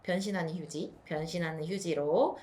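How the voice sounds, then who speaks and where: A young woman teaching parents play activities for small children, switching into a bright sing-song voice when acting out what to say to a child. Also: on the low side, moderate pace. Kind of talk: instructional video for parents.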